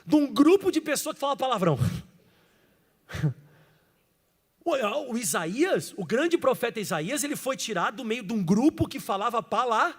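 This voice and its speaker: A man from Brazil, a pastor preaching an animated sermon, acting out stories and quizzing the congregation. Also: extremely high pitch, normal speed, long pauses, husky. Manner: animated storytelling, acts out characters, asks the crowd questions. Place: church. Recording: reverberant church hall.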